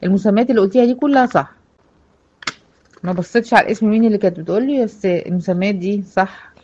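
A woman's voice: medium pitch, rapid-fire, darkish tone, dull audio. A woman with an Egyptian accent teaching Quran recitation rules to female students, patiently asking questions and answering them herself. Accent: Egyptian Arabic. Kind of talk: online tajweed lesson to female students.

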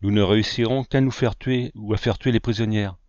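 A man voicing a calm, grave male scout with a soft, harmonious voice, speaking solemnly in a storybook reading. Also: fairly low pitch, dry recording, dull audio, close to an everyday voice. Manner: solemn, measured speech.

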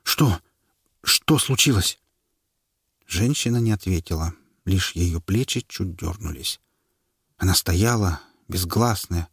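A man reading a story aloud in measured scripted narration. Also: low-pitched, breathy edge, no echo, clean studio sound. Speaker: audiobook narrator.

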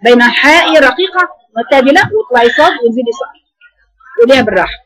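A woman's voice: high-pitched, lively intonation, racing, a bit bright, poor audio. A woman with an Egyptian accent teaching Quran recitation. She corrects her students firmly and repeats sounds to demonstrate them. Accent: Egyptian Arabic.

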